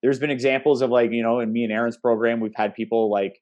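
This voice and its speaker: A man, a jiu-jitsu instructor, talking casually on a podcast in a loose, animated way. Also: mid-range voice, fast talker, highs cut off. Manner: loose, animated, acts out quotes.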